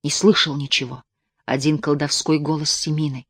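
A woman narrating a mystic story as an audiobook reader, with intense, hushed dramatic delivery. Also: sits low, little pitch movement, normal speed, husky, dry recording, clean studio sound. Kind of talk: audiobook reading of a mystic tale.

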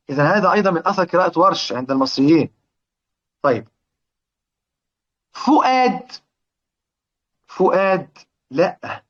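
A man with an Egyptian accent teaching Quran recitation rules. He asks his listeners questions, answers them himself, and draws out example words slowly. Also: on the high side, dull audio. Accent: Egyptian Arabic. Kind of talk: explanatory lesson.

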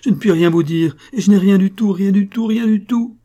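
A man voicing a distraught young country servant girl whose high, strained voice breaks into wails. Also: moderate pace, mellow, close to an everyday voice. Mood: desperate.

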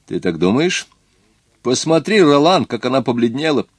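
A man's voice: medium pitch, very animated, normal speed, breathy edge, dry recording, clean studio sound, pitched above the performer's own voice. A man reading the part of a proud, boastful teenage boy in an audiobook.

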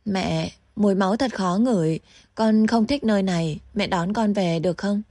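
A woman's voice: medium pitch, moderate pace, dry recording, studio quality, lightly acted. A woman voicing a spiteful young captive who snarls in rage and then whimpers like a frightened child. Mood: whimpering. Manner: shouts in rage, later whimpers like a scared child.

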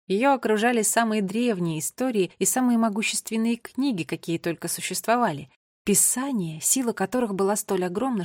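A woman's voice: medium pitch, a little mellow, no room sound. Woman narrating a storybook, dry sound. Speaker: audiobook narrator.

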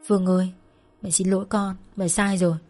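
A woman's voice: mid-range voice, level tone, brisk, dark tone, soft background music, close to an everyday voice. A woman voicing a desperate mother who tearfully begs her daughter for help, in a spoken story. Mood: pleading. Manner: tearful, begging. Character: desperate pleading mother in debt.

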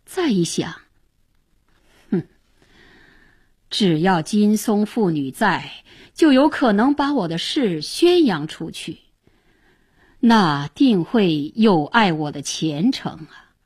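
A woman's voice: mid-range voice, lively intonation, slow pace, pauses often, darkish tone, slightly rough. Woman voicing a cold scheming male official. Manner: cold, calculating, smug. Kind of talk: traditional Chinese storytelling.

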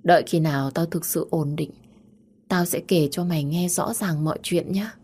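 A weary young woman, voiced by a woman narrator speaks in a low, drained voice. Her calm is restrained rather than soft. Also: moderate pace, breathy edge. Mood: curt, drained. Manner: tired, restrained. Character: weary, wounded young woman, quietly defiant.

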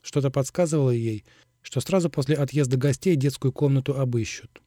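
A man narrating an audiobook in a steady, even reading. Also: medium pitch, fairly quick, no echo, clean studio sound. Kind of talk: scripted narration.

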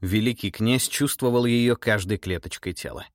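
Low-voiced male audiobook narrator. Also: normal speed, dry recording, clean studio sound. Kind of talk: scripted narration.

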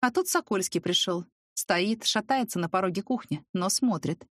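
A woman's voice: medium pitch, expressive, moderate pace, no echo, studio quality. Woman reading a first-person audiobook. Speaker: audiobook reader.

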